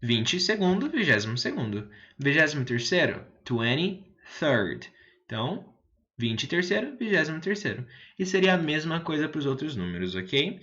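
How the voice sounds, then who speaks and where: A man's voice: on the high side, sing-song, sharp tone. Patient man explaining a lesson, dull sound. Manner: explains slowly, repeats English words, checks understanding with "tá bom?". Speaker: English teacher.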